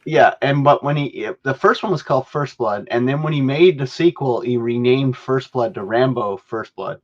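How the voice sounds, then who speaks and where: A man's voice: mid-range voice, moderate pace. A middle-aged Canadian man hosting a podcast, chatting casually and rambling with lots of self-corrections. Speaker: podcast host. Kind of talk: casual chat. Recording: dull lo-fi sound.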